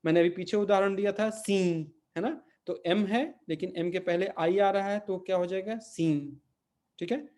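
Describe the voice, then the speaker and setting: A man teaching a Portuguese pronunciation lesson, repeating each word slowly and checking in with his listeners. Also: high-pitched, darkish tone. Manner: patient, repeats words slowly and checks with "ठीक है?". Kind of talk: spoken language lesson.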